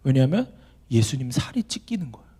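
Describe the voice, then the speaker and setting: A man's voice: medium pitch, fast, slightly rough. A young man preaching a sermon as a junior pastor, telling a story and asking his listeners questions, acting out the voices of the people in it. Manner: animated, acts out quoted voices, asks the audience questions.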